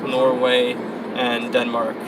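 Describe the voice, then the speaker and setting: A young man from Sweden, whose first language is Swedish, talks hesitantly as a passenger, with many fillers and restarts. He sounds far from the mic. Loud engine and road noise runs under his voice throughout. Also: medium pitch, monotone, slow. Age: young adult. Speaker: passenger, intern. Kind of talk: casual chat. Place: inside a car.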